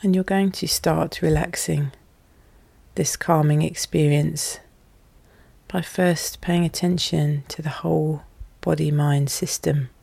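A podcast host guiding relaxation in a calm, soothing, soft and hushed voice, with measured, deliberate phrasing. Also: medium pitch, creaky, breathy edge, no echo. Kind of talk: slow, soothing guided hypnosis narration.

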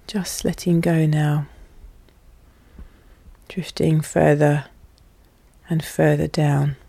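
A podcast host guiding relaxation in a calm, soothing, soft and hushed voice, with measured, deliberate phrasing. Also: mid-range voice, creaky, slightly rough, no echo. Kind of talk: slow, soothing guided hypnosis narration.

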